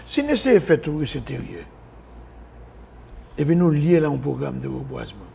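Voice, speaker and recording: Gravelly Haitian man interviewing on radio. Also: a little high, sing-song, normal speed, mellow. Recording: noisy archive broadcast recording.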